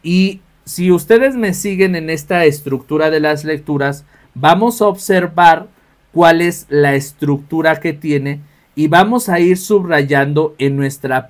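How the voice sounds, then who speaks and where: A man, teaching a workshop on reading scripture aloud at Mass, explaining step by step and often checking in with his listeners. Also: a little high. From Mexico. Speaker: lector trainer.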